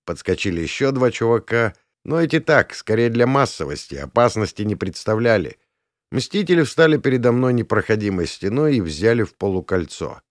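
A man's voice: fairly low pitch, big pitch swings, normal speed, no room sound. A man narrating an audiobook in the first person, in a dry, wry and laconic manner.

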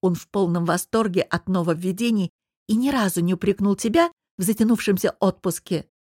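A woman reading an audiobook, voicing a cheerful young female friend who chatters in an excited, teasing way. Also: medium pitch, a little fast, breathy edge, no room sound, studio quality, lightly acted. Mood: lively.

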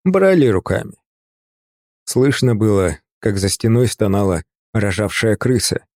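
A man narrating an audiobook in an even, measured literary reading. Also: lowish voice, no echo, studio quality.

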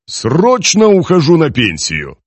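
A man's voice: fairly high pitch, huge pitch swings, a little slow, husky, dry recording, pitched above the performer's own voice, exaggerated voice. A male narrator voicing a crude, blustering old KGB general who barks orders in an audiobook. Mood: boisterous. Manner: barking, commanding, coarse.

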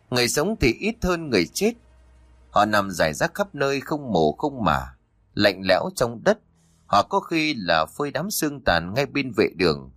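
A man's voice: on the low side, fairly bright tone, no room sound, clean studio sound. A man narrating a grim horror story with dramatic storytelling.

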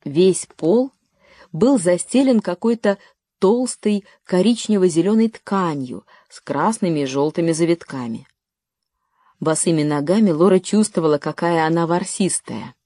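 A woman narrating a children's story in a calm, even way. Her voice sits low and mellow, recorded close and dry with no room around it. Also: measured pace, dry recording. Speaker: audiobook narrator. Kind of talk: scripted narration.

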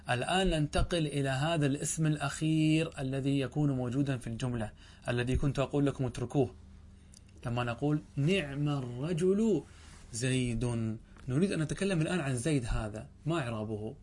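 A man teaching a grammar lesson. He reads lines of a text slowly, then explains them, often asking a question and answering it himself. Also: mid-range voice, a little hiss or hum.

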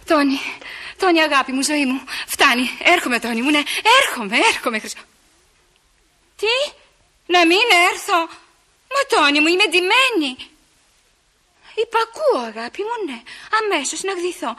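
A flirtatious, theatrical lady in love. Her voice sits high and bright and leaps about, full of quick swings from teasing to pleading. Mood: excited playful. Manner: lively, coquettish, quick mood swings. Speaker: radio drama actress. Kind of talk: 1960s Greek radio theater acting.

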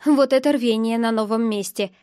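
A woman narrating a novel in the first person with calm, even storytelling. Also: fairly high pitch, normal speed, no echo, clean studio sound. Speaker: audiobook narrator.

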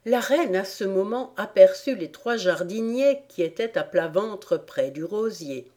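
A woman reading a children's storybook aloud in a slow, measured narration. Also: mid-range voice, expressive, warm tone. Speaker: audiobook reader.

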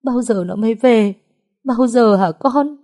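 A woman's voice: on the high side, unhurried, dark tone, pitched above the performer's own voice, lightly acted. A woman voicing a grieving old mother who sobs and pleads for her daughter. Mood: sobbing pleas. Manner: wailing pleading cries.

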